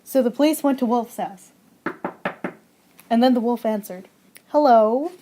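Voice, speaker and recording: A woman's voice: fairly high pitch, normal speed, warm tone, slight background noise. A young woman reads her own fairy tale aloud for a class project, stringing events together with "and then", in a plain amateur home recording. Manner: plain storytelling with frequent "and then".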